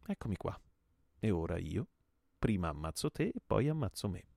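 A man's voice: low voice, big pitch swings, moderate pace, creaky, a little mellow, breathy edge, no room sound, clean studio sound, full character voice. A man reading a play aloud and voicing a desperate, grim man bent on murder, with an intense, menacing delivery.

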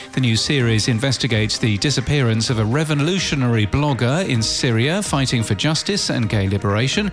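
With music behind him, a medium-pitched man presents a podcast news bulletin from a script. He keeps it crisp and orderly, headline after headline, now and then slipping in a dry aside.

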